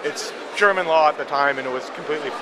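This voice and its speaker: A man's voice: fairly high pitch, fast. A man interviewing someone with probing, challenging questions, often stammering as he phrases them. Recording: clear outdoor street and vehicle noise.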